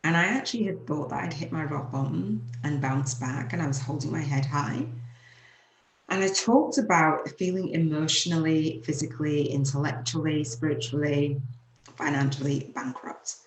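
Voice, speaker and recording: This English show host, speaking with a Leeds Yorkshire accent, talks at a normal speed in a voice that sits low. She earnestly relates her own story, laughing occasionally through its emotional moments, in a room with audible echo.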